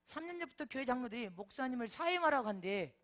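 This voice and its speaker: A woman's voice: high voice, quick pace. A middle-aged woman preacher telling a vivid testimony in a sermon, with many exclamations and interjections. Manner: animated storytelling with frequent interjections.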